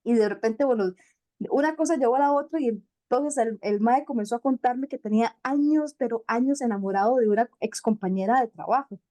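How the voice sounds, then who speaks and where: A woman's voice: on the high side, brisk, warm tone. A woman co-hosting a talk show, telling stories in a chatty, self-deprecating way and laughing often.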